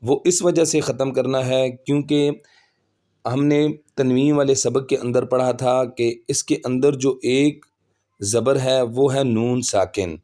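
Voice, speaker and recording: A man teaching Quran recitation, slowly spelling out syllables letter by letter and then explaining the rules in a brisker voice. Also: medium pitch, steady tone, dark tone. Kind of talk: slow spelled-out recitation lesson.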